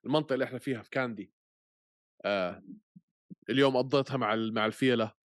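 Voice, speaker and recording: A man with a Levantine Arabic accent talks quickly in a dry, close sound. He co-hosts a casual podcast, telling stories in an animated way and mixing English words into his speech. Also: medium pitch, dry recording. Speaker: podcast co-host.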